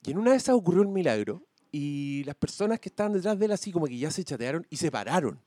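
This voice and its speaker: A man with a Chilean accent telling an animated, slangy story among podcast co-hosts, swearing freely. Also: on the high side, fast, no echo. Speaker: podcast co-host. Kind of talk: casual storytelling chat.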